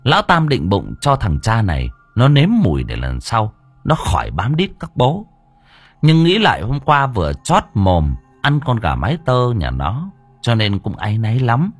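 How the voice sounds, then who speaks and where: A man narrating an audiobook story in a lively, expressive way. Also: medium pitch, moderate pace, breathy edge, dry recording, soft background music.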